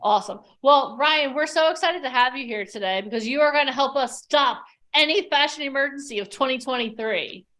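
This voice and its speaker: A woman's voice: high-pitched, fairly quick, hardly any pauses, sharp tone. A woman hosting a livestreamed workshop over a video call, upbeat, chatty and playful. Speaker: host.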